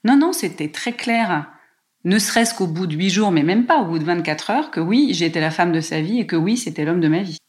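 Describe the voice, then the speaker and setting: A woman from France telling a personal story in a lively, emotional way, with many small hesitations. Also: fairly low pitch, brisk. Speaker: guest telling her life story.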